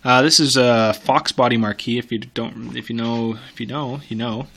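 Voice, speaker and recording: A man's gravelly, fairly bright mid-range voice keeps a fairly even intonation and moderate pace as he scrolls classified ads. He comments casually like a car buff, tossing off wry, eager asides under his breath.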